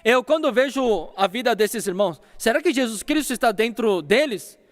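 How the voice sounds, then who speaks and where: A man's voice: extremely high pitch, animated, normal speed. A man preaching a sermon as pastor, telling a story and acting out phone calls, in a church hall. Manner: storytelling with acted phone dialogue.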